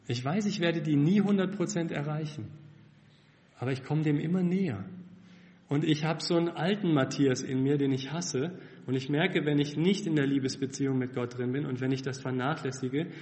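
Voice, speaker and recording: A man preaching a sermon as a missionary, candid and self-mocking, swinging from loud emphasis to hushed tones. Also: medium pitch. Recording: echoey hall.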